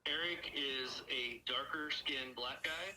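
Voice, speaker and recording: A man's voice: medium pitch, slow pace, bright, forceful tone, low-quality recording. A father calling in on speakerphone, playfully telling a story on a casual call. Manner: playful, teasing, laughs while telling. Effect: heard over a phone on speaker. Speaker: caller, a host's father.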